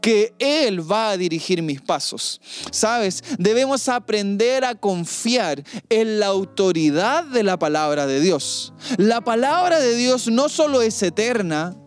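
A woman preaching a sermon in emphatic, repeating cadences, often stopping to ask her listeners a quick rhetorical question. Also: medium pitch, animated, soft background music. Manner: emphatic, repetitive cadences, frequent rhetorical asides.

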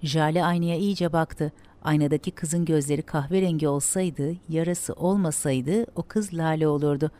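Give me a woman reading a dramatic story aloud, steady and measured, in a low voice.

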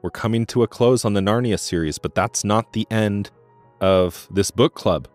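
Low-voiced man explaining thoughtfully. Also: moderate pace, darkish tone, faint music behind. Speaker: podcast co-host. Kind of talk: casual book discussion.

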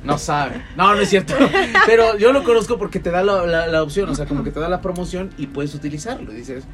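A man's voice: high voice, brisk. A Mexican man hosting a casual podcast chat, joking and teasing his guests.

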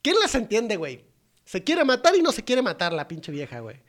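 Crude, slangy Mexican man, high voice. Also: wildly swooping pitch, brisk. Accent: Mexican Spanish. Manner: crude, slangy, acts out characters' quotes. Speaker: podcast co-host. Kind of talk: casual comedic recap.

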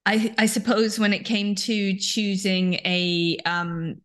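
A woman's voice: medium pitch, fairly even intonation, slow pace, fairly bright tone. A woman in her forties, a guest author on a video call interview, chatty and self-deprecating with frequent ums and light laughs. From Scotland.

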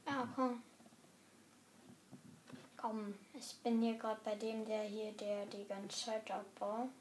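A woman commenting live on her online game in German, excitable and swearing, often dropping to a whisper. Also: mid-range voice, slow, a little hiss or hum. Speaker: gamer.

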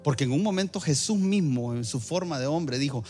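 A man's voice: a little high, lively intonation, fairly quick, a little mellow, soft background music. A male pastor preaching a sermon, building emphatic phrases that surge and repeat.

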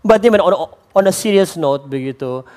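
A male pastor delivers an energetic sermon. His voice sits a little high for a man, and he freely drops English words into his speech, then shifts into playful voices when quoting people. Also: normal speed. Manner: animated, mixes English phrases into his preaching; acts out quoted voices for humor. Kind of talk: lively sermon.

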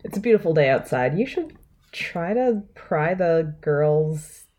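A woman's voice: deep voice, animated, a little slow, warm tone, highs cut off. A woman voicing a friendly young woman who chats with her housemates in a role-play.

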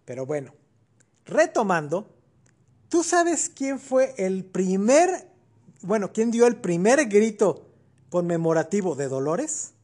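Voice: medium pitch, big pitch swings, slow, a little mellow. A podcast co-host with a Mexican accent, explaining history in a casual chat with colloquial asides.

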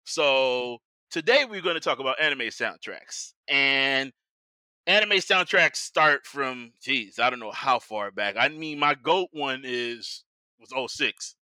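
A man's voice: medium pitch, animated, takes it slowly, bright, forceful tone, no room sound. An American man hosting a podcast in casual, slangy chat, with hype-man flourishes when he announces things. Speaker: podcast host.

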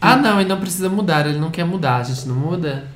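A man's voice: a little high, lively intonation, racing, a bit bright. A Brazilian man co-hosting a casual podcast, reading a listener email and adding joking asides. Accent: Brazilian Portuguese. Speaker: podcast co-host. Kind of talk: casual chat. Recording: echoey room.

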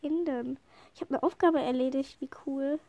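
A woman chatting excitedly while playing a game with friends, giggling often, with a slight cold. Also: sits high, moderate pace, dry recording. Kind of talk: casual gameplay chat.

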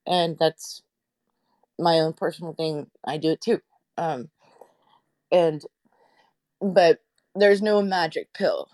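A low-voiced woman therapist talks through her phone's speaker. The sound is dry, with no room around it. She rambles loosely, with fillers and self-corrections. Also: slow pace, pauses often, mellow, no echo. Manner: rambling, many fillers and restarts. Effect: talking on phone speaker. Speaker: therapist and radio show host. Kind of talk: casual live audio-room panel chat.

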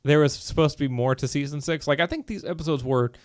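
A man co-hosting a podcast in casual chat, talking in an animated, filler-heavy, enthusiastic way. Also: a little high, fast, dry recording, clean studio sound. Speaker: podcast co-host.

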